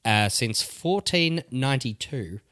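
A man's voice: medium pitch, lively intonation, takes it slowly, fairly bright tone. A man co-hosting a casual podcast chat, chatty and full of facts and stories. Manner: chatty, offers facts and anecdotes. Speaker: podcast co-host.

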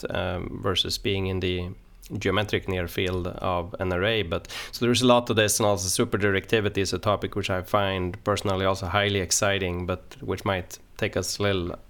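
A man with a lowish voice hosts a technical podcast. He talks carefully and haltingly, building long-winded questions and qualifications as he goes. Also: little pitch movement, fairly bright tone. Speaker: podcast host.

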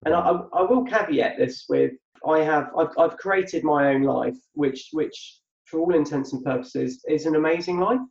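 This middle-aged podcast guest has a rather high, slightly mellow voice with vocal fry. He reflects haltingly, often repeating words while gathering his thoughts, and the off-mic recording sounds dull and roomy.

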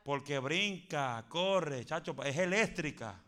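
A man preaching a fervent Pentecostal sermon, building to shouts and dropping in English phrases. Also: a little high, animated, slow pace.

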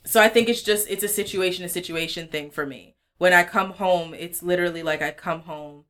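A woman co-hosting a podcast, thinking aloud in a relaxed, reflective chat. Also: lowish voice, fairly quick. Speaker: podcast co-host. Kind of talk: casual chat.

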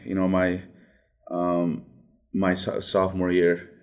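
A young man from Ethiopia, first language Amharic, with a very low, deep voice. He talks haltingly, with frequent restarts and fillers. It is a relaxed interview conversation. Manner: hesitant, many restarts and fillers. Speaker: guest.

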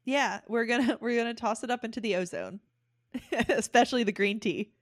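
A woman's voice: on the high side, normal speed, dry recording, clean studio sound. A woman co-hosting a casual chat, explaining things in a chatty way and laughing easily. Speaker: podcast co-host.

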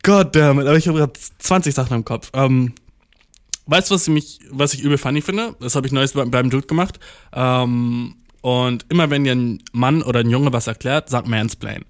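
Restless, hurried man ranting. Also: mid-range voice. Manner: restless and hurried, swearing a lot with English slang mixed in. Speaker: podcaster. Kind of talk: casual rant to the listener. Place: at home.

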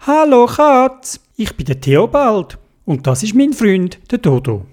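A woman's voice: deep voice, big pitch swings, a little slow, dark tone, heavily acted. A woman voicing a friendly, brave little boy with a Swiss German accent, kind and curious.

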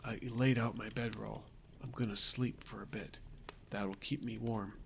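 A man voicing a frightened survivor writing his last journal entries, exhausted and cold, halting and correcting himself, sometimes dropping to a whisper. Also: fairly low pitch, steady tone, vocal fry, a bit bright, slight background noise. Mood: frightened, fading. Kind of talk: audio drama reading of a survival journal.

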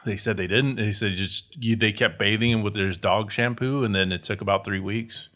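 A man with a somewhat low voice talks casually on a podcast. He swears freely, tosses in "dude" constantly and laughs between stories. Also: fairly even intonation, normal speed, bright, forceful tone. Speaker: podcast co-host. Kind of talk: casual chat.

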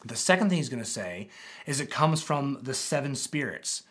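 A man preaching a sermon as pastor to his church, animated with dramatic pauses and scripture reading. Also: medium pitch, breathy edge. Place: church auditorium with congregation.

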